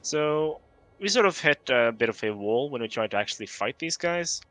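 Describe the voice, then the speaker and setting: A man with a bright, forceful voice chats casually while playing a strategy game, hedging and thinking out loud. His colors his English, and faint music plays underneath. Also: mid-range voice, normal speed. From Norway. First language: Norwegian. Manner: relaxed, hedging, thinks aloud with many fillers. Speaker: game streamer. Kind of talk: casual gameplay chat.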